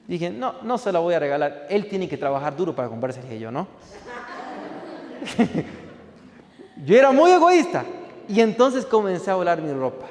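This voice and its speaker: A young man from Costa Rica gives a sermon testimony in a fairly high voice, acting out the other people in his story and now and then rising to a shout. His voice rings with the long reverb of a large hall. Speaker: guest preacher.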